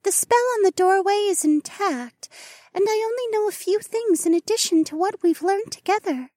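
A man narrating an audiobook, voicing a gentle, deferential female spirit who speaks carefully. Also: very high-pitched, moderate pace, dry recording, studio quality, voice pushed up. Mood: soothing. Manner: soothing, careful.

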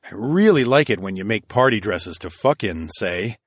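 A cocky, teasing young hero, as the narrator plays him in a lowish, relaxed voice. He sounds wry and confident. The sound is close and dry. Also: moderate pace, dry recording.

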